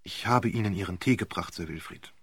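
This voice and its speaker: A man's voice: deep voice, fairly quick, slightly rough, no room sound, voice pushed down. Male reader doing a chatty maid, eager and devoted, dry sound.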